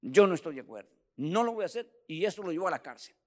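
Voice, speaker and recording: Man, preacher, fervent sermon, fairly high voice, hushed to loud swings. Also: big pitch swings, fast talker.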